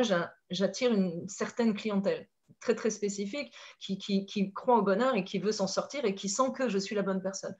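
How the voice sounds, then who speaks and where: A woman from France with a French accent, a life coach talking in a lively, expressive way and laughing often. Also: mid-range voice, highs cut off. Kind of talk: conversational talk with metaphors.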